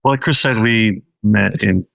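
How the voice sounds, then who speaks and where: A man from Washington State, a documentary filmmaker telling his story in a relaxed, steady interview manner. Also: fairly low pitch, unhurried, creaky, no echo, low-quality recording. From Washington State, USA.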